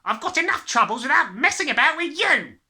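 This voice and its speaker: Man acting out a shouting, bad-tempered father. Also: very high-pitched, big pitch swings, fairly quick, pitched above the performer's own voice, heavily acted. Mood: angry, snapping. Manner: shouting, curt, harried. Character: loud irritable crooked father, snapping orders.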